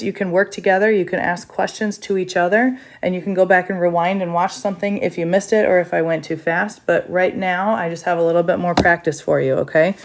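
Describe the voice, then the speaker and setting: Chatty woman teacher, low voice. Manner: chatty, explains step by step with fillers. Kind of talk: recorded math lesson.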